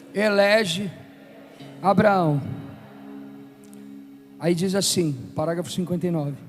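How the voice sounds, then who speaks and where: A Brazilian man in his fifties with a high-pitched voice preaches a sermon, declamatory and emphatic with deliberate pauses, reading scripture forcefully and leading call-and-response. It's a live preaching event in a large reverberant room. The recording carries long hall reverb with music playing underneath.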